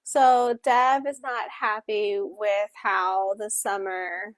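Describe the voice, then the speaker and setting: A woman co-hosting a casual book club discussion, talking in an expressive, chatty way while also voicing interpreted signing. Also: medium pitch, slow pace, no echo. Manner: expressive, chatty, with frequent fillers.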